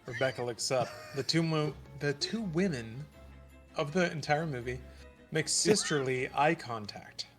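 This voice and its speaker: A man reading stage directions aloud in a relaxed stream read-through, slipping in chuckling asides. His voice sits a little high. Faint music plays underneath. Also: measured pace. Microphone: home streaming mic.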